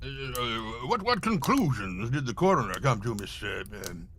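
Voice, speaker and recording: A man's voice: medium pitch, very animated, moderate pace, fairly bright tone. A man playing a bumbling, hesitant, genteel English doctor sidekick who stammers through a live radio mystery. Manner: dithering, stammering. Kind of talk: live old-time radio mystery acting.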